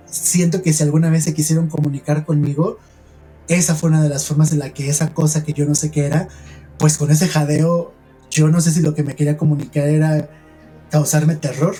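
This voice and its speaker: A podcast host from San Luis Potosí, speaking with a Mexican accent in a fairly high voice, tells a personal paranormal story. He is earnest and hushed and uses lots of fillers.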